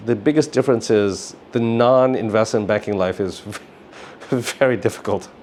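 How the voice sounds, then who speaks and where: Heard over slight background noise, a middle-aged male founder gives a casual interview in a lowish, somewhat mellow voice at normal speed. He tends to ramble, dropping "you know" and "like" again and again.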